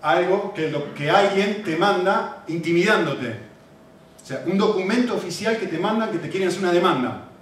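A man's voice: high voice, normal speed, far from the mic. A man with an Argentine accent preaching a sermon, walking through a text and putting questions to the audience. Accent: Argentine Spanish. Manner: conversational, asks the audience questions. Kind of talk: expository sermon. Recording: echoey hall, mic from afar, faint hiss.

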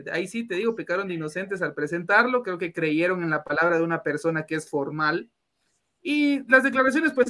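A man's voice: sits high, fairly bright tone. A young Guatemalan man with a Guatemalan Spanish accent, co-hosting a casual sports chat, laughing often and restarting his sentences. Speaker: podcast co-host.

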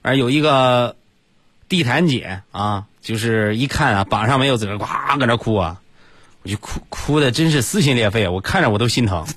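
A man telling comic stories in a casual monologue, jumping into loud high voices for the people he quotes. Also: lively intonation, moderate pace. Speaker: comedy storyteller.

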